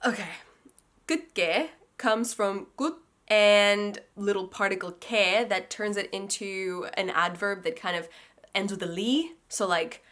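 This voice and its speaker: A young native Russian speaker hosts a language-learning segment, casually breaking down song lyrics as a learner herself. Her voice is medium-pitched and a bit bright, at a moderate pace. She is chatty, thinking aloud as she translates and correcting herself along the way.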